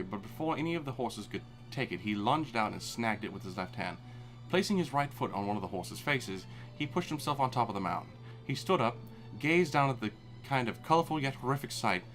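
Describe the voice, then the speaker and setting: This man has a medium-pitched, slightly bright voice. He's doing a comedic live reading of fan fiction on stream, delivering lines dramatically and then stopping to laugh and curse.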